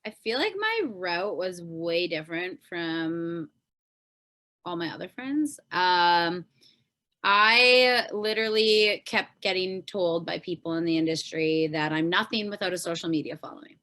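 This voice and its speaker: A woman who is a solo pop artist and content creator chats as a podcast guest in a casual interview, informally and animatedly retelling things, peppered with "like." Her voice is lowish and a little slow, with no echo.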